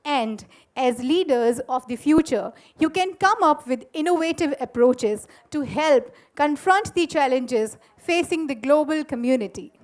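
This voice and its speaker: A woman giving a measured, earnest formal address to conference delegates in a school auditorium. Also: high voice, animated, darkish tone.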